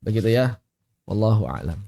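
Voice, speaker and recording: A man's voice: lowish voice, big pitch swings, a little fast, creaky, warm tone. A man teaching Quran recitation rules in an online class, patiently repeating each rule and reciting examples. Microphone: online class audio.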